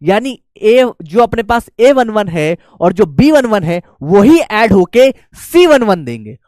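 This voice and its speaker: A man's voice: high-pitched, sing-song, takes it slowly, darkish tone, dry recording, studio quality. A male maths teacher giving a lesson who coaxes his students and keeps checking that they follow. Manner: coaxing, keeps checking students follow, calls them "beta".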